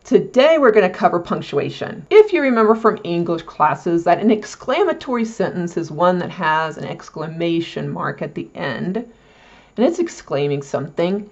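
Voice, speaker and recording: A woman's voice: on the low side, sing-song, moderate pace, muffled recording. A woman teaching parents about language in a friendly, chatty way, explaining things step by step. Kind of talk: casual explanatory lesson.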